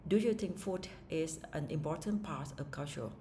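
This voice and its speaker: A Vietnamese woman with a low, dark voice speaks at a moderate pace over slight background noise. Practicing for an English speaking test, she asks herself questions aloud and answers with hesitations and restarts.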